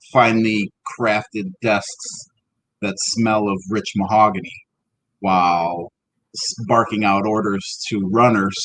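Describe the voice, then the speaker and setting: A man's voice: lowish voice, a bit bright, no echo, low-quality recording. A man co-hosting a casual podcast from home over a call, rambling with many fillers and some swearing. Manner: rambling, filler-heavy, profane. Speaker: podcast co-host. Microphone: home computer mic over a call.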